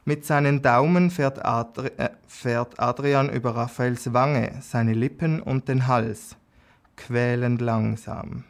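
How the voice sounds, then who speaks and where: Slow, calm male storyteller. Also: mid-range voice, gravelly. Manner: slow, calm reading with small slips and restarts. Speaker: narrator. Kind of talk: audiobook reading of an erotic story.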